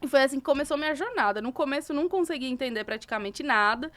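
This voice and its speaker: Born in Cuba with Spanish as her first language, this woman speaks Portuguese with a Cuban Spanish accent as an interview guest telling her story. Her voice sits high and she talks quickly, animated and laughing often as she recounts stories.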